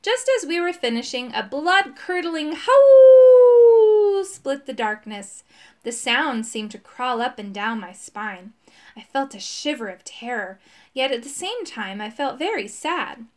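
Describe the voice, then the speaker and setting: A woman narrating a storybook with plenty of expression. Her voice sits fairly high and leaps around in pitch. She leans into the suspense and the silly moments alike. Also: unhurried. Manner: expressive, dramatic reading. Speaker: audiobook narrator.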